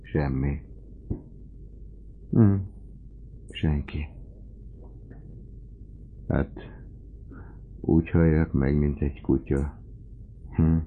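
A man voicing a dying old father in an audiobook, swinging between desperate shouts and faint whispers. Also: very deep voice, flat delivery, long pauses, narrow, tinny audio, slight background noise. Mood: bitter, broken. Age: older. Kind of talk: audiobook character reading.

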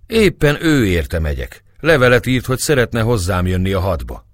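An earnest, proud young soldier, eager and respectful toward his elders, as a male storyteller puts him on. His lines lift well above the reader's low natural voice, with lively pitch. The recording is dry and close. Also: no room sound.

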